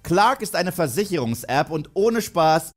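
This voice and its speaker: A man in his thirties, an online film critic and presenter, delivers scripted commentary to camera in an indoor studio with a dark backdrop, emphatic and tongue-in-cheek. His voice is a little high and sing-song at a measured pace, with soft background music.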